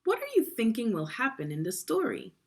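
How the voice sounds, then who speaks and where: A female teacher reads a story aloud to children, expressive and deliberate in an instructional style, stopping now and then to ask guiding questions. Her voice sits a little high.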